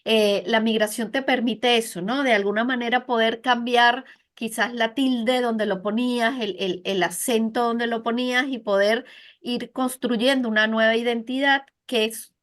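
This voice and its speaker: A woman's voice: fairly high pitch, steady tone, moderate pace, a bit bright. A woman interview guest and project director who talks thoughtfully, often repeating words while she searches for them. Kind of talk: interview conversation.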